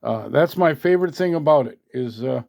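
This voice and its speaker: This man's mid-range voice is gravelly and darkish, and he talks animatedly and a little fast. A radio hobbyist who reviews products, he gives a casual hands-on demo at a workbench indoors, folksy, colloquial and mildly salty, filmed on a handheld phone.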